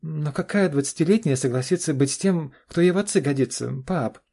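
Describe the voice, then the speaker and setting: A man's voice: on the high side, brisk, gravelly, dark tone, slightly rough, voice pushed up. A man voicing a pushy, anxious young adult daughter in an audiobook, pleading and insistent. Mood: incredulous. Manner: pleading, insistent, keeps saying "dad". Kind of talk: audiobook character voice.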